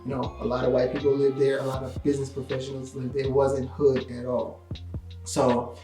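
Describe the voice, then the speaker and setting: A man's voice: medium pitch, fairly quick. A man vlogger telling a story in a casual, slangy way, full of "like" fillers. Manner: animated, slangy, lots of "like" fillers. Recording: roomy echo with faint music.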